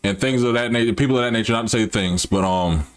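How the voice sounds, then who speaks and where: A man's voice: on the low side, fast talker. A man hosting a live stream, chatting straight to his viewers in a loose, rambling way, full of restarts and slang. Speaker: livestream host. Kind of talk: casual live-stream commentary.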